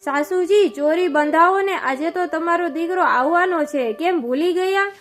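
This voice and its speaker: A woman's voice: very high voice, normal speed. A woman reading as an earnest young bride.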